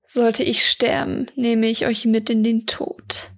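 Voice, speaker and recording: A woman voicing a cruel old hunchbacked male sorcerer, lowering her voice to a slow, sneering drawl. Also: flat delivery.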